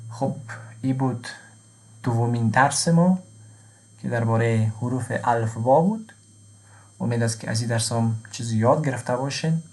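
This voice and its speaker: A man with an Afghan Dari accent, teaching a slow language lesson who says each example word twice and then translates it. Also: medium pitch, a little mellow.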